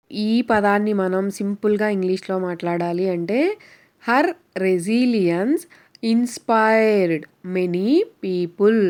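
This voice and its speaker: A woman teaches vocabulary, a first-language Telugu speaker. Her pitch sits in the middle. She spells out example sentences slowly and keeps asking whether her viewers have understood. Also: darkish tone. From Telugu-speaking India. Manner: keeps checking understanding with the listener; slow, careful reading of English example sentences. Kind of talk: explaining lesson to viewers.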